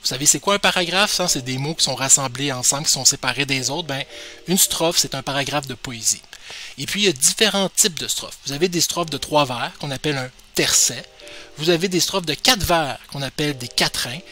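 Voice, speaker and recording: A man's voice: on the high side, fairly quick, sharp tone, faint music behind. A man teaching poetry basics in a chatty, self-deprecating, joking way. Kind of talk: casual explanatory lesson.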